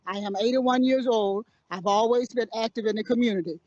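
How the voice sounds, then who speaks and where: A woman's voice: a little high, a little fast, a little mellow, no echo. A woman in her eighties from Florida, speaking earnestly to a street camera as a community elder and repeating her points. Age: 80s. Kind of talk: street interview statement. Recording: dull lo-fi sound.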